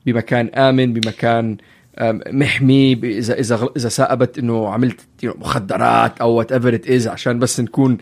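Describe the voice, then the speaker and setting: A man's voice: mid-range voice, fairly even intonation, creaky. A man with a Levantine Arabic accent hosting a casual discussion, repeating and restarting phrases and mixing in English. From lives in Canada. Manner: mixes in English phrases, repetitive halting phrasing. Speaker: podcast host.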